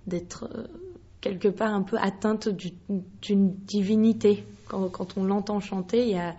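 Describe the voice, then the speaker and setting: A young woman from Paris, a singer answering interview questions, often pausing and searching for her words. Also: medium pitch, steady tone, dark tone, husky, highs cut off. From Paris, France. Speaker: singer guest. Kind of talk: radio interview.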